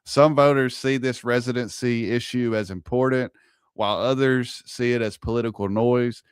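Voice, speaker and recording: A man's voice: medium pitch, fairly even intonation, normal speed, smooth, no room sound, clean studio sound. A man speaking as an interviewer, in an agreeable, conversational manner. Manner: agreeable, affirming.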